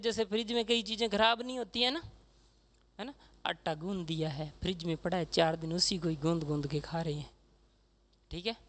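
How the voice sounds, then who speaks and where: A male teacher from Rajasthan, lecturing a class in a chatty way and filling pauses with "okay". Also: very high voice, sharp tone. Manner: chatty, says "theek hai" constantly, acts out regional speech.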